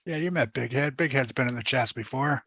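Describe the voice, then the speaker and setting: A man's voice: medium pitch, a little fast, slight background noise. Man hosting a muffled video chat. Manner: relaxed, friendly greetings. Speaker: host of an online RC hobby chat. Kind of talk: casual group video chat. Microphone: video call.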